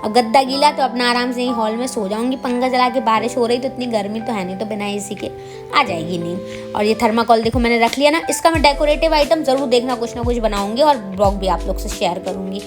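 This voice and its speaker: A woman vlogger talks her viewers through her day in a casual voice-over. Her voice sits a little high, and her tone is chatty and self-mocking. Soft music plays faintly underneath. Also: fairly quick.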